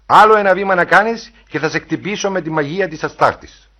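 A woman's voice: fairly low pitch, fairly bright tone, voice pushed up, natural voice. A man voicing a young woman posing as a goddess. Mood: commanding. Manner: sing-song, commanding, later hysterical. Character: young woman playing a death goddess, eerie.

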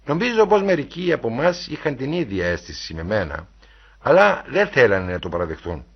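Man, audiobook reader, husky, wide-ranging pitch, dull lo-fi recording. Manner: expressive, storytelling. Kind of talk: dramatic reading of a novel.

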